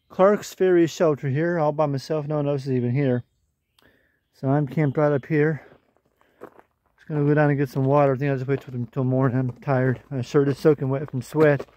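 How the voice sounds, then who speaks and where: This thru-hiker vlogger, a man in his forties, talks easily to a phone camera held out at arm's length while on a wooded mountain trail. His voice sits fairly high and has a mellow quality, and the recording is dry.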